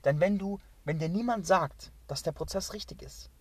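A husky man with a fairly high voice delivers an intense motivational monologue as a spiritual coach. He is emphatic and repetitive, swears freely, and often sinks into hushed, half-whispered passages. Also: moderate pace, no room sound.

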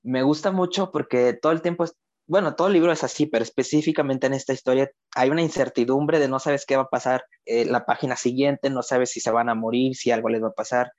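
A man casually discussing a novel, talking haltingly with many restarts and repeated words. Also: mid-range voice, fairly even intonation, darkish tone, dry recording. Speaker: book club discussant. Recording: dull lo-fi sound.

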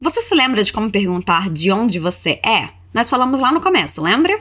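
A woman teaching English to Portuguese speakers, switching between quick explanation and slow, drawn-out model phrases to repeat. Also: medium pitch, very animated, a bit bright.

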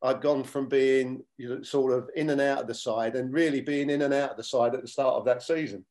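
Man in his sixties, middle pitch, former player and coach, measured storytelling, interview guest. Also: fairly even intonation, a little mellow. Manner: measured, many fillers and restarts, retells dialogue.

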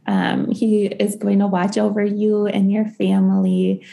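Gravelly, slow-spoken woman host. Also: medium pitch, little pitch movement. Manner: gentle, halting, full of ums, reassuring. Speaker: podcast host giving an angel reading. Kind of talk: intuitive reading conversation.

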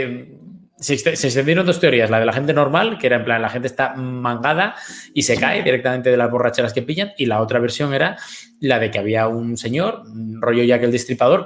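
A man's voice: medium pitch, brisk, fairly bright tone. Rambling Spanish-accented man telling stories. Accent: Spain Spanish. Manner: rambling anecdotal storyteller, casually profane. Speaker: guest commentator. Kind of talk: casual chat.

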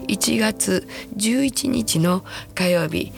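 A woman in her sixties with a Kansai accent, hoarse and husky from a throat cold, chatting casually and self-deprecatingly as a podcast host. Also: medium pitch, expressive, over music. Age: 60s. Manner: chatty, self-deprecating, slows to a soft hush at times. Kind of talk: casual solo podcast talk.

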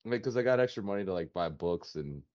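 A man's voice: low voice, expressive, quick pace, a little mellow. A man, co-hosting a casual podcast, laughing and self-mocking as he talks. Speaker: podcast co-host. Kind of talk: casual chat. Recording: dull lo-fi podcast mic.

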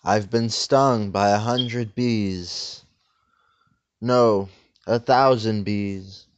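A man giving a deadpan parody of a guided meditation in a slow, calm, soothing voice. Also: fairly low pitch, clean tone, highs cut off. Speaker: host of a parody meditation video.

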